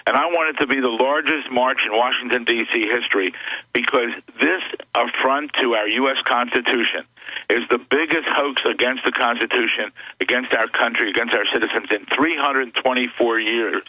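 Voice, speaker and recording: A man's voice: medium pitch, brisk, husky, dry recording, highs cut off. A man who is an attorney, a guest on a talk radio show, speaking earnestly and insistently as he lists grievances.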